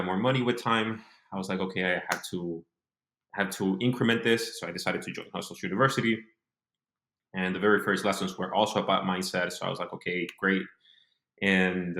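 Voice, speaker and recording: A Honduran business owner in his mid-twenties talks casually as an interview guest, reflecting on his story in short phrases. His voice is deep and a bit bright, and the sound is reverberant.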